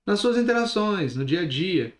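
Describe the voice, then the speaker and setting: A man teaching a recorded online lesson, lively, shifting his pace and volume on purpose and often asking the listeners questions. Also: sits high, moderate pace, echoey room. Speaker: instructor.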